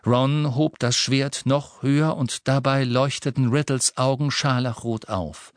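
A man narrating an audiobook in a measured, deliberate storytelling manner. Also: medium pitch, steady tone, no room sound.

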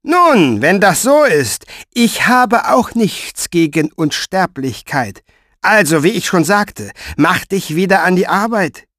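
A cruel commander sneers and threatens in a raised, sharp, mocking voice, as an audiobook narrator puts him on. He spits out his taunts loudly and slowly, savoring each threat. The sound is dry and close. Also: sits high, big pitch swings, dry recording, voice pushed up, exaggerated voice. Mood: menacing. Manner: mocking, menacing.

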